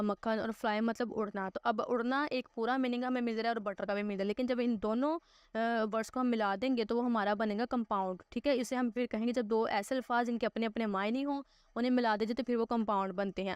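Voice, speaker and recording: Teacher woman, crisp dry voice. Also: a little high, no room sound. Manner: explains in Urdu, reads English examples slowly and carefully; frequent hesitation fillers and "theek hai" check-ins. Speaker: English teacher. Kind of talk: recorded online grammar lesson.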